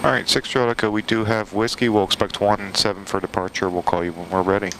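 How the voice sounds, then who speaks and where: A man's voice: on the low side, quick pace. A man flying a flight simulator, reading checklists and making pilot radio calls in a procedural, matter-of-fact way. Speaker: flight sim streamer, pilot. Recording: steady aircraft engine noise. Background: simulated turboprop cockpit noise.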